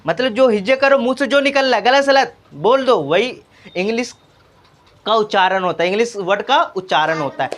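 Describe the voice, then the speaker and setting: Patient high-voiced man drilling a child. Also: brisk, fairly bright tone. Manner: patient, repetitive drilling with constant questions to the pupil; encouraging, urges speaking out and making mistakes. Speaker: tuition teacher. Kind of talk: spoken English reading lesson for a child. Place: small tuition class indoors.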